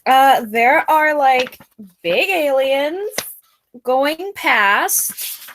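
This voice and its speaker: A woman acts a flustered lady doctor making a radio-play broadcast. She is hesitant and stammering, with long, slow delivery. Her voice is high and bright. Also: lively intonation, slight background noise, heavily acted.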